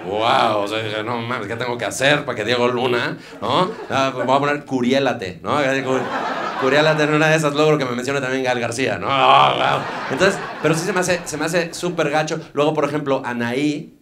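A man with a Mexican accent doing a live stand-up set on a club stage, loose and slangy with mocking asides, into a handheld mic. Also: medium pitch. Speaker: stand-up comedian.

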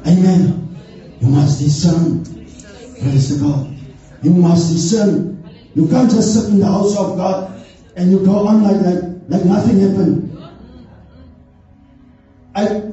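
A middle-aged church elder delivers an earnest sermon in a high, mellow voice, exhorting his listeners and sprinkling in frequent "amen"s. He stands on a stage in an indoor church hall, captured from far away, so the sound is muffled and echoey.

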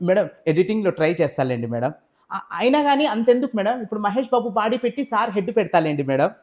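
Fast, fawning young man. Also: high-pitched, sing-song, darkish tone. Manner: polite, fawning, teasing. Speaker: comedy sketch actor playing a photographer. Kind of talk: scripted comedy skit.

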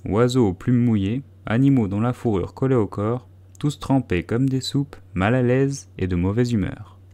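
Guy reading a storybook aloud, steady and measured, medium voice. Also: mid-range voice. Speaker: audiobook narrator. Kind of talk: scripted narration.

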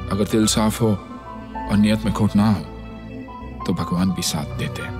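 An actor playing a polite, earnest young man in a comic film scene who grows excitable. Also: fairly low pitch, close to an everyday voice. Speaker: film character. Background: film score music.

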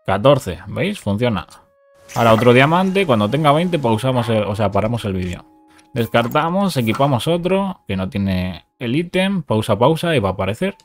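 A gaming YouTuber talks through a game glitch in casual tutorial style, stepping through it and repeating short commands. His voice is medium-pitched and sing-song, at a moderate pace, with faint music behind him.

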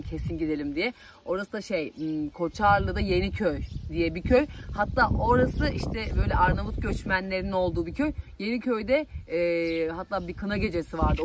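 A woman's voice: on the low side, background noise. A young woman from Aydın with an Aegean Turkish accent, a TV field reporter chatting casually as she answers followers' questions with plenty of fillers. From Aydın, Turkey. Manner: chatty, homely, loose with fillers.

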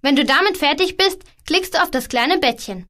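A woman's voice: high voice, expressive, normal speed, pushed and bright. A woman voicing a friendly game helper who explains steps to the player. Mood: cheerful. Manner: instructive, addressing the player. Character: friendly female game helper giving instructions. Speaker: game guide. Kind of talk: scripted game instructions.

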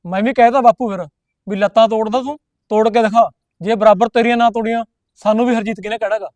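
An actor playing a hot-headed young village brother who blusters and threatens, speaking with a Punjabi accent. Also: male voice, high voice, steady tone, fast talker, a little mellow, no room sound, natural voice. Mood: angry. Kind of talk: village comedy film acting.

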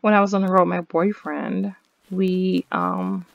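A woman's voice: lowish voice, unhurried, gravelly, no echo, muffled recording. A young woman commentating her own video game play in a playful, dramatic way, with chants and squeals. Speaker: gaming video host.

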